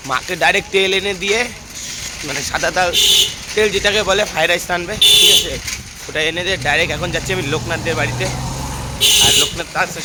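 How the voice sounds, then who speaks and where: A young man chatting to viewers while filming a casual phone vlog at home and on local roads, slightly hoarse. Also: high voice, very noisy. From India. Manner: chatty, addresses viewers as "guys". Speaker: vlogger.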